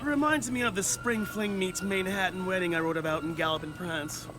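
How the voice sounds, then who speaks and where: A man voicing a smooth, self-assured young male pony travel writer in a cartoon. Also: high voice, brisk, music in the background, lightly acted. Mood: suave. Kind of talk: cartoon dub acting.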